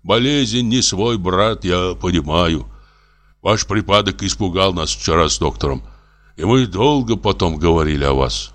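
A man's voice: low voice, lively intonation, measured pace, fairly bright tone. Jovial fussy old postmaster, hearty and familiar, a male reader putting him on. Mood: tender.

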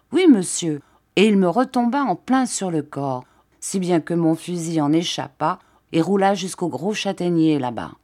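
A woman reading an audiobook and voicing a tired, coughing middle-aged Corsican man who speaks in a flat, placid monotone. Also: fairly low pitch.

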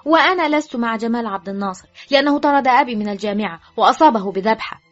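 A woman voicing a reckless, sharp-tongued teenage girl with a shrill, mocking voice, in an audiobook. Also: very animated, very fast, husky. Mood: defiant. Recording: dull lo-fi with faint music.

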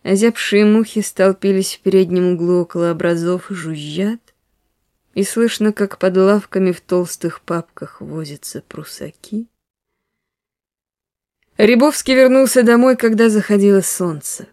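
A woman reads a classic story aloud in soft, measured narration that often drops to a near-whisper. Her voice sits at an ordinary middle pitch. It is recorded dry and close, with no room sound. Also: no room sound. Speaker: reader. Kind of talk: scripted literary narration.

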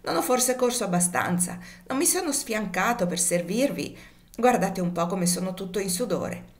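A woman's voice: mid-range voice, normal speed, lightly acted. A woman doing a sly, gleeful servant lad. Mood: pleading. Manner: mock-humble, gleeful, excited. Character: cunning young male servant, sly and boastful.

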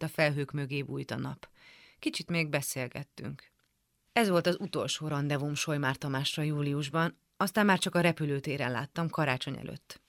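A woman reading a literary memoir aloud for radio in a calm, measured storytelling manner. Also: deep voice, creaky, no echo, studio quality. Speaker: radio reader. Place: radio studio.

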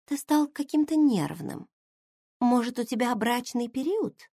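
A woman voicing a playful pregnant young sister who writes novels, speaking softly and teasingly. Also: a little high, lively intonation, measured pace, dry recording, clean studio sound, pitched above the performer's own voice. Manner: soft, hushed, teasing.

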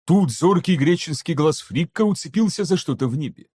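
Guy narrating an audiobook, mellow dark tone, slightly high voice, steady even reading. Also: fairly quick, breathy edge. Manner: steady, even storytelling that voices each character. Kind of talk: scripted narration.

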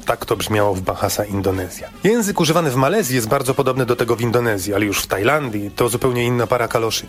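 A man's voice: medium pitch, fast. Guy doing a playful radio travel report, mid voice, faint music under it. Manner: lively storytelling, playful.

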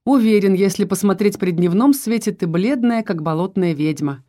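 A teasing, protective young husband who keeps pressing with questions, as a woman reads his lines. The voice is mellow and soft-edged, close to the narrator's own, in a storybook reading. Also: mid-range voice, normal speed, lightly acted.

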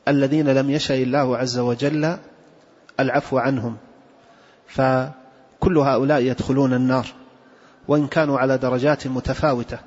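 A man teaching a religious lesson as a sheikh, explaining slowly and carefully, with a husky voice. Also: mid-range voice, a little mellow. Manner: measured, drawn-out scholarly explanation. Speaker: sheikh teaching Islamic creed. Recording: dull lo-fi recording in a reverberant hall.

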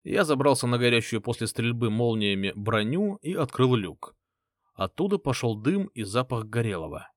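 A man reads a first-person audiobook with an expressive, lively delivery and swinging intonation. His voice sits at an ordinary middle pitch. The recording is close and dry. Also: normal speed, no room sound. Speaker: audiobook narrator.

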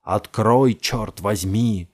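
A man voicing a slow, menacing zealot. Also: sits low, slightly rough, exaggerated voice. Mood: shouting. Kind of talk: audiobook character voice.

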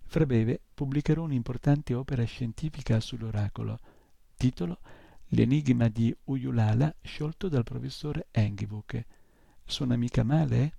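Pompous old gnome professor, lecturing and boastful, dark and gravelly, as a male reader puts him on. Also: mid-range voice, moderate pace, no room sound. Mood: self-important. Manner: self-important and lecturing.

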